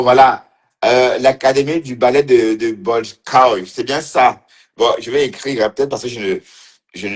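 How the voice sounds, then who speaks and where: A man giving casual livestream commentary, teasing and mocking as he talks, laughing often and repeating phrases. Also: mid-range voice. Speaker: online commentator.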